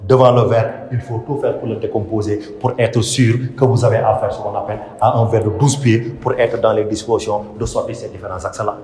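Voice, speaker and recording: A man's voice: fairly low pitch, fairly even intonation, a little fast, few pauses, darkish tone. A male literature teacher from Senegal, lecturing on poetry in a didactic way, often repeating himself and asking and answering his own questions. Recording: echoey room with long reverb.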